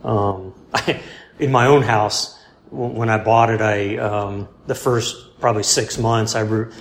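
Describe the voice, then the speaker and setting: A man in a casual interview, rambling and halting, with many fillers and restarts, laid-back and self-deprecating. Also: lowish voice, steady tone. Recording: roomy with faint background hum.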